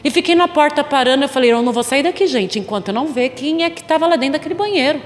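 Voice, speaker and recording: A woman's voice: sits high, fast talker. Emphatic woman pastor preaching in a reverberant hall. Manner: emphatic, with rhetorical questions to the congregation; storytelling, animated. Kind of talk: sermon. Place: church hall.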